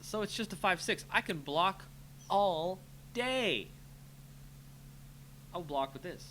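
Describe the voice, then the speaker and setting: While streaming a card game, a man talks through his plays in a casual, reactive, muttered way. His high-pitched voice is expressive, pushed, and bright, yet slow, set against clear background noise and hum.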